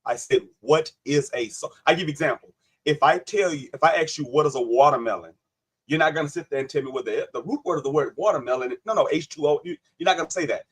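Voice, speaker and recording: A man's voice: fairly high pitch, rapid-fire, breathy edge. A man hosting a live online panel, debating insistently, cutting in and repeating his questions. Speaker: livestream host.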